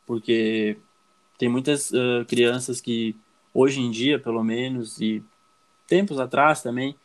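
A man's voice: mid-range voice, fairly even intonation, slow. A young Brazilian man answering interview questions casually, with many fillers and restarts. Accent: Brazilian Portuguese. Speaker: guest.

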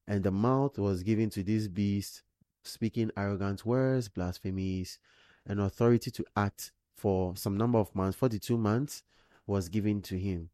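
A man walks through scripture verse by verse in a loose, rambling teaching style, full of "you know" asides and sudden bursts of excitement. His voice sits low and sounds warm and mellow. The recording is close and dry. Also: normal speed, no echo. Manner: rambling, thinks aloud with many "you know" fillers. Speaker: Bible teacher. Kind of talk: informal Bible study commentary.

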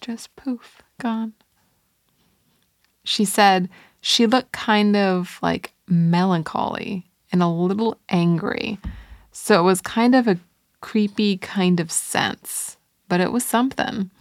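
A woman's voice: mid-range voice, slow pace, no echo, studio quality. A woman co-hosting a podcast, telling strange stories in a playful, casual way. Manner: playful, laughs between lines. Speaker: podcast co-host. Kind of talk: casual storytelling.

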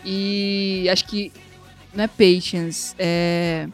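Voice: medium pitch, level tone, slow, faint music behind. A co-host from Brazil in a casual film chat, enthusiastic and full of exclamations. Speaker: podcast co-host. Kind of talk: casual chat about films.

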